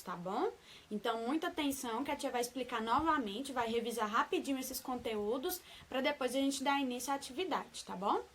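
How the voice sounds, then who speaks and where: A woman with a Brazilian Portuguese accent teaching young children a remote lesson, affectionate and patient, slowly sounding out words and checking in often. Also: a little high, slight background noise. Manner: affectionate, slow syllable-by-syllable modeling, frequent "tá bom?". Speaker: primary school teacher.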